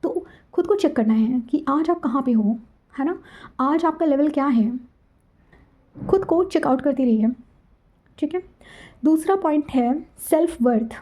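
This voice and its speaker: A woman's voice: sits high, expressive, unhurried, pauses often, dark tone. A woman hosting a spiritual channel, telling a personal story and giving advice in a chatty way. She keeps checking in with the listener and mixes English words into her speech. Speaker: twin flame spiritual channel host. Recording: dull, lo-fi recording.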